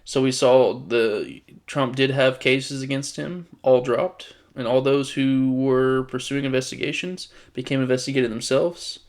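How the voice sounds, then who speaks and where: A man's voice: mid-range voice, fairly even intonation, a little slow, hardly any pauses. A man giving casual political commentary, reading news items aloud and reacting with exasperated sarcasm, often restarting his sentences.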